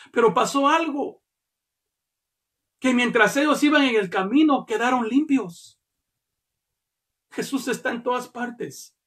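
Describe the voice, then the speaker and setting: A man preaching a sermon as pastor. He speaks fervently, calls his listeners brother, repeats words as he goes and rises to shouts at key points. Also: very high voice.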